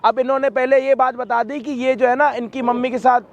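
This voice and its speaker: A man hosting and mediating a staged street quarrel, calming the pair down with bossy, joking asides, outdoors by a street. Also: extremely high pitch, fairly quick, lo-fi sound, a little hiss or hum. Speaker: mediator and host with camera.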